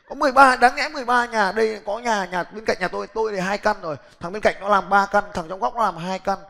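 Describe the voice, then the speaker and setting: A middle-aged man giving a lively, blunt motivational business seminar talk, challenging the audience directly. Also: high-pitched, brisk, gravelly. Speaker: seminar speaker. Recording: long hall reverb.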